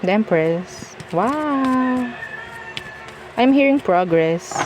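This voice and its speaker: Speaking over music, a woman with a lower voice and a slightly slow pace gives a casual tarot reading. Her Filipino accent shows as she mixes Tagalog and English, keeping things chatty and reassuring with frequent "okay?" check-ins.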